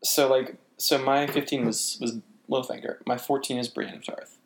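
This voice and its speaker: A woman co-hosting a casual chat, animated and opinionated, quick to disagree. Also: very deep voice, gravelly. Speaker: podcast co-host.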